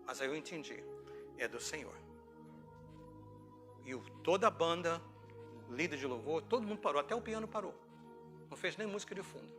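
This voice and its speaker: This middle-aged Brazilian man preaches a relaxed sermon as a pastor, drawing on personal anecdotes while music plays in the background. He speaks a little fast in an expressive, higher voice and pauses often. His style is conversational storytelling, with acted-out dialogue and rhetorical questions.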